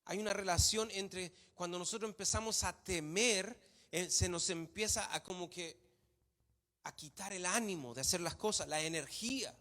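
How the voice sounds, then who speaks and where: A man's voice: sits high, moderate pace, bright, forceful tone. A man preaching a sermon in a church hall, emphatic, repeating phrases for stress. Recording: long hall reverb.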